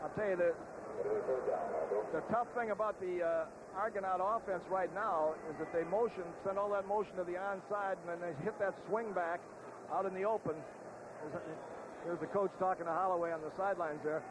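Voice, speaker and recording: High-voiced male football analyst, noisy broadcast. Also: fairly even intonation, fairly quick. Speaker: colour commentator. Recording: noisy old outdoor stadium broadcast.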